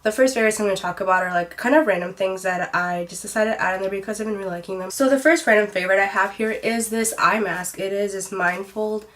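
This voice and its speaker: A woman's voice: mid-range voice, fast, hardly any pauses, a bit bright. Young woman, stuffy nasal cold voice, chatty rambly vlog talk, says like a lot. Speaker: beauty vlogger. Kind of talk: casual favorites vlog.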